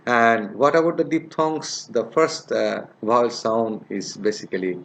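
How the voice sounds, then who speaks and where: A man teaching a phonetics lesson, repeating example sounds over and over and pausing often with fillers. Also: mid-range voice, gravelly. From Bangladesh. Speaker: English teacher. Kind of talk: classroom lecture on phonetics.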